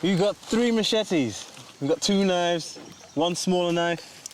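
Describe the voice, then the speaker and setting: A man's voice: sits high, slow pace. A man born in London and raised in Ghana and Zimbabwe, talking in an upbeat, practical way. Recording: outdoor noise behind.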